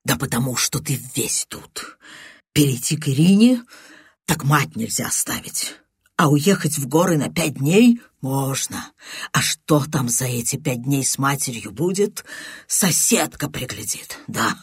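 A reader doing a hoarse, grim man in a half-whisper. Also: medium pitch, expressive, unhurried, no room sound, clean studio sound. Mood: grim accusing. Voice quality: torn hoarse shuffling voice. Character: hoarse desperate man, jealous friend. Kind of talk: audiobook character voice.

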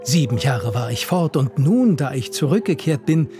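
A man's voice: mid-range voice, animated, moderate pace, lightly acted. A man voicing a polite, emotional young man home from abroad in a radio reading of a novel, with music underneath. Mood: courteous. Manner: eager, courteous.

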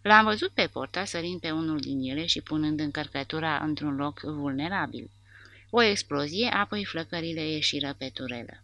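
A woman narrating a war novel audiobook with a dramatic, expressive reading. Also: low voice, no echo, muffled recording.

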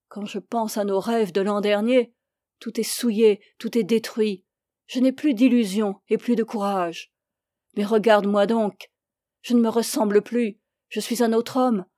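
A woman's voice: medium pitch, warm tone, dry recording, clean studio sound, lightly acted. A woman reading an audiobook, voicing a tormented young man who is jealous and accusing. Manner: bitter, accusing.

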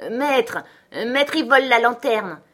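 A woman reading aloud voices a grumbling old male farm servant in a storybook reading, with shrill, whining cries. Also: takes it slowly. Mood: alarmed.

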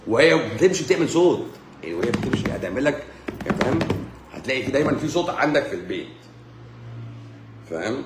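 Fast, joking Egyptian man in an echoey room. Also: medium pitch, heavy background noise. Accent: Egyptian Arabic. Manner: animated and joking, mixes medical explanation with teasing asides. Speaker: doctor giving a talk. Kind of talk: joking live lecture.

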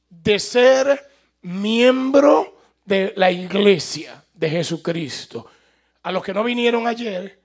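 A man's voice: sits high, gravelly, slightly rough. A male pastor preaching a sermon in a jovial way, joking and laughing at his own slips.

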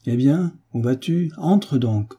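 A man voicing a smug, mocking landowner who talks down to a peasant girl, in a husky voice. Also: medium pitch, expressive, slow, warm tone, voice pushed up. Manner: smiling, teasing, condescending.

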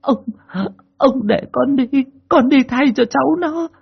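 A man's voice: very high-pitched, a little slow, vocal fry, highs cut off, voice pushed up, heavily acted. A man voicing a frail old peasant woman in her sixties who pleads through tears in an audio story. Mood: desperate begging. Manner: pleading, wailing. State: crying.

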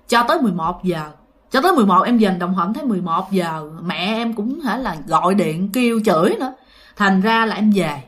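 A woman narrating a ghost story in an animated, exclamatory way. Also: fairly high pitch.

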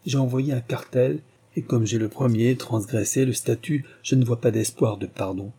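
A resolute young soldier son from a classic novel, read by a man, facing his fate with firm, steady words. The voice is very dark and husky, with a rough edge. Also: mid-range voice, normal speed.

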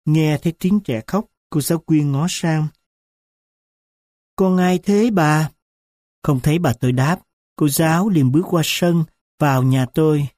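A man narrating a storybook in a slow, solemn, reflective way. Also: a little high, mellow, no room sound, studio quality.

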